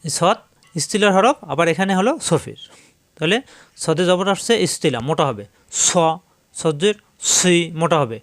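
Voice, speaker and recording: Slow, careful man drilling syllables. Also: fairly high pitch, expressive, fairly bright tone, no room sound. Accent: Bangladeshi Bengali. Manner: repeats syllables slowly and carefully, stressing the hiss. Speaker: Quran recitation teacher. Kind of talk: slow teaching, drilling letter sounds.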